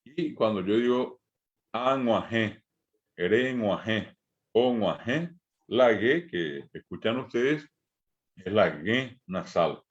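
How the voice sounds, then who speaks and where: A middle-aged man with a Paraguayan Spanish accent teaching a language lesson, slowly repeating each sound for learners to copy. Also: lowish voice, expressive, highs cut off.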